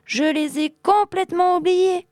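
A woman voicing an eager, kind-hearted young kitchen boy who exclaims excitedly, in a children's storybook reading. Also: extremely high pitch, measured pace, no room sound, clean studio sound, pitched above the performer's own voice.

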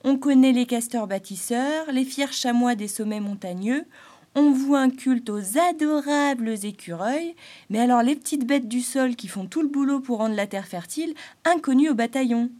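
A woman's voice: high-pitched, moderate pace, warm tone, voice pushed up, close to an everyday voice. Woman doing a grumpy tiny soil bug. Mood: indignant. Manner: touchy, indignant and sarcastic.

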